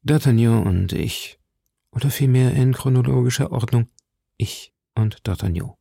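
A grave, reserved musketeer, read by a male audiobook narrator speaks calmly and with weight. The voice is dark and gravelly, with a dry, close sound. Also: medium pitch, normal speed, no room sound.

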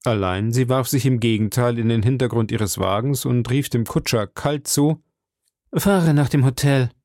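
A man reading a classic adventure novel aloud as narrator, in a measured, even storytelling manner. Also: mid-range voice, vocal fry, no echo, studio quality. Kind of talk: audiobook narration.

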